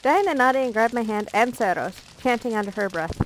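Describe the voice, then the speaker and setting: A woman's voice: on the high side, lively intonation, brisk, noisy background. Playful woman reading a visual novel aloud. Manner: playful, breaking off for jokey asides. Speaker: let's play narrator.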